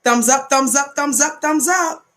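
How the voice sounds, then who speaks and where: An American woman speaks in a somewhat high-pitched voice as the host of an online talk show. She addresses her viewers directly in a monologue. Her delivery is emphatic and preacherly, with phrases repeated as call-outs. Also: unhurried, fairly bright tone.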